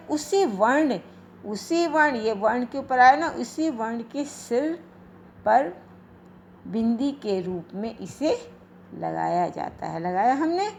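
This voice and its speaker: A woman teacher giving a grammar lesson, repeating points slowly and asking questions she then answers herself. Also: fairly high pitch, creaky, a little mellow, slight background noise. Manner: slow, repetitive questioning, answers her own questions.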